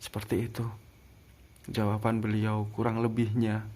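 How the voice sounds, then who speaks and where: A man retelling a frightening personal experience slowly and emotionally. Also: on the low side, completely flat delivery, darkish tone. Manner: slow, emotional retelling with pauses. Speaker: vlogger telling a personal experience. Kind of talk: first-person storytelling.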